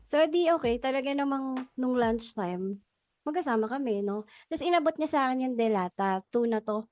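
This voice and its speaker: A woman's voice: high-pitched, lively intonation, normal speed, darkish tone. A woman co-hosting a casual podcast chat, telling a workplace story and laughing often as she goes. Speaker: podcast co-host.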